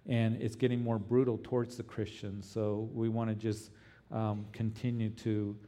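Male pastor just talking to his church, halting and conversational, lowish relaxed voice. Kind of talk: informal talk to a congregation.

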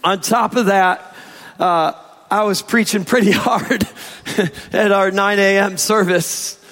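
A male pastor delivers a sermon in a very high, hoarse voice that sounds strained from a sore throat. His pace is slow and emphatic, with stretched key phrases and an informal touch. Long hall reverb surrounds him. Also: fairly even intonation, a bit bright. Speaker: pastor preaching to congregation. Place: church service, amplified in a large room. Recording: echoey large hall reverb.

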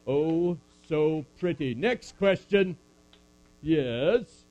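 A man's voice: a little high, lively intonation, very slow, darkish tone, muffled recording. A man voicing a puppet of an older apostle who preaches and then answers audience questions with dry jokes. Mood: playful. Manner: preachy, dryly joking, speaks to a crowd. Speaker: puppet performer. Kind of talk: church puppet skit with scripture recitation.

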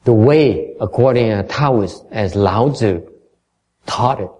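Mellow-voiced male dharma teacher. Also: lowish voice, slow. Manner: explains in English, then repeats in Vietnamese, often stumbling over repeated words. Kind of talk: bilingual dharma lecture.

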